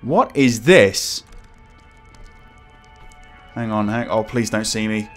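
A man's voice: on the low side, slow pace. A man giving casual let's play commentary as a scared, jumpy horror game streamer who exclaims and swears. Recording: music behind the voice.

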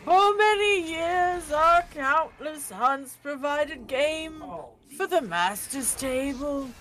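A woman voicing a stuffy, pompous old man who tells a solemn tale in a slow, grand, theatrical way. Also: high voice, fairly bright tone, pitched above the performer's own voice. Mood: grandiose.

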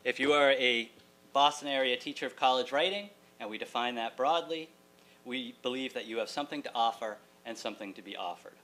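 The speaker is a middle-aged college writing teacher giving a prepared keynote at a lecture hall podium, wry and articulate, with joking asides. His mid-range voice moves fairly quickly and sounds a bit bright. Hum and room noise run through the audio from a distant camera.

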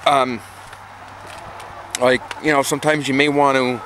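In a mid-range voice with a level tone, he talks at a measured pace. This man keeps backyard chickens and vlogs casual how-to content from his yard and a small wooden coop, reinforcing points by repeating them. An operator films on a handheld camera, producing noisy audio.

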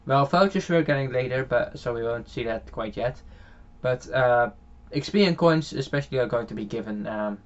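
A young man with a Dutch accent talks through a farming game in a loose, meandering way, stacking ums and uhs and restarting his sentences. His voice sits at a middling pitch. The home microphone sounds a little dull and muffled. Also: normal speed, few pauses. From Netherlands. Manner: rambling, many fillers and restarts, chuckles often. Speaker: gaming channel host. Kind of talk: casual gameplay commentary.

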